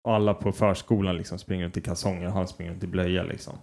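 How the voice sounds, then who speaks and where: A man's voice: low voice, flat delivery, vocal fry, darkish tone. A man co-hosting a podcast in casual chat, often laughing and swearing as he tells stories about his children. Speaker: podcast co-host.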